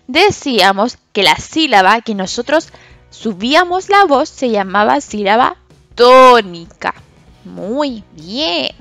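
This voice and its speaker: Slow patient teacher lady talking to kids, high bouncy voice, dry close mic with faint music. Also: big pitch swings, dry recording. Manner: slow, patient, stresses syllables loudly and drawn out when giving example words. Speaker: special education teacher. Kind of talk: recorded lesson for children.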